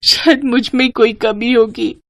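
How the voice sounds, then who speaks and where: A woman voicing a meek young daughter-in-law who speaks softly and pleads. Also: a little high, fairly even intonation, unhurried, no echo. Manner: soft, pleading, timid.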